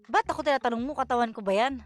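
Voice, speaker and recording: A woman's voice: fairly high pitch, rapid-fire, faint music behind. A woman chatting casually with her partner on a live stream, teasing and laughing often. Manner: giggly, teasing, lively. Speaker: co-host of a couple's channel. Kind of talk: casual chat. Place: indoors at home, live stream.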